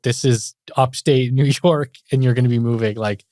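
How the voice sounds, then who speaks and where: A man hosting an interview podcast, asking relaxed follow-up questions and giving short acknowledgements. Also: mid-range voice, normal speed, dry recording, studio quality. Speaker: podcast host. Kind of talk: casual interview conversation.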